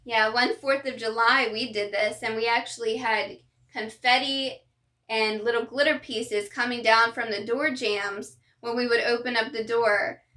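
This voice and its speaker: High, bright woman reading a children's storybook. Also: fairly even intonation, measured pace. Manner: addresses child listeners with questions. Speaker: bedtime story host and reader. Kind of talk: children's storybook read-aloud with chatty asides.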